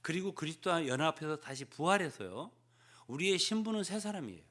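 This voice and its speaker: An older man preaching a sermon as pastor, often prodding the congregation with a questioning "eh?" and swinging between loud emphasis and hushed asides. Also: a little high, sing-song, brisk. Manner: peppers phrases with prodding "예?" to the congregation.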